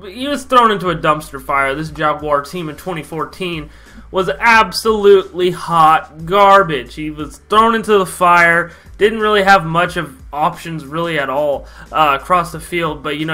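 A man's voice: on the high side, normal speed, bright, forceful tone. A young man hosting a casual sports vlog, talking loosely with lots of fillers. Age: young adult.

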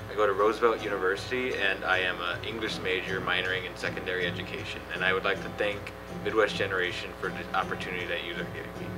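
Deep-voiced young man, quick and hesitant. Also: flat delivery, music in the background, low-quality recording. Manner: hesitant, with fillers. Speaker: scholarship student. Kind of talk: to-camera testimonial.

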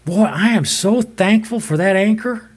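An older man preaching a sermon from a pulpit in a small church, emphatic and swinging from loud to soft. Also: high voice, unhurried, slightly rough. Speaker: pastor.

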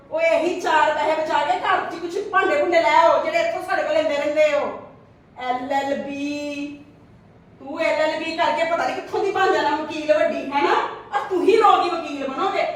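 Woman acting haughty rich lady, taunting, very high voice, echoey distant sound. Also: close to an everyday voice. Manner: taunting, sneering, laughing mockingly. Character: scornful rich woman mocking her maid's daughter. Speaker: actor in a short family drama.

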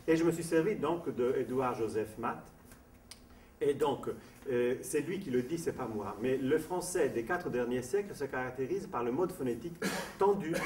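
A man's voice: mid-range voice, darkish tone. A man from Sardinia giving an academic lecture on diction, explaining step by step and reading out definitions between asides. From Sardinia, Italy. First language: Sardinian and Italian. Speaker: voice and diction teacher. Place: lecture room at a summer school. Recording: echoey room from a distant mic, faint noise.

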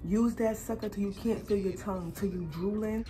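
A woman's voice: medium pitch, fairly even intonation, brisk, dark tone. A young woman chatting casually to her vlog, slangy, playful and blunt. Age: young adult. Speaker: vlogger. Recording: music laid under the voice.

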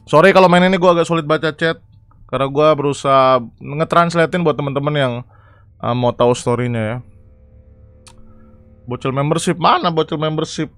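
A young man casually commentating a horror game live, chatty and excitable, reading chat and yelling at scares. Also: on the high side, moderate pace, pauses often, clean tone, no echo, soft background music. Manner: excitable, chatty, reacts loudly to scares and reads chat aloud. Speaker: gaming streamer.

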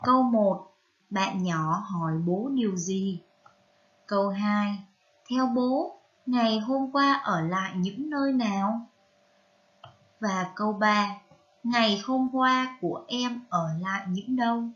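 A woman with a Vietnamese accent teaching a reading lesson to young children, spelling out syllables carefully and prompting them gently. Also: mid-range voice, takes it slowly, muffled recording. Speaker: primary school teacher.

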